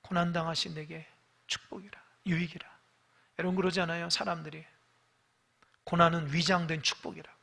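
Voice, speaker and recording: A male pastor preaches in a church sanctuary, his voice sitting high for a man. His tone is bright and ringing. He puts questions straight to the congregation and jumps from loud emphatic bursts to near-whispered asides. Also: flat delivery, a little fast, creaky, long pauses. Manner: preaching with sudden loud rises and hushed asides; addresses the congregation directly with questions. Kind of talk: sermon.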